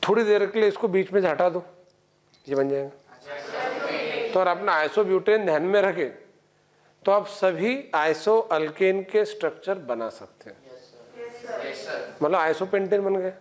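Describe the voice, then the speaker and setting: A man's voice: sits high, a little slow, pauses often. A middle-aged man teaching chemistry in a coaching classroom, lecturing and quizzing students with constant checks. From India.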